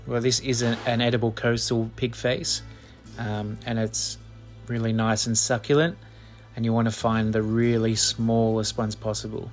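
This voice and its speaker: A man, a cafe chef chatting casually outdoors about foraging, relaxed and full of ums. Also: mid-range voice, moderate pace, faint music behind. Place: outdoors on the coast and in pine woods.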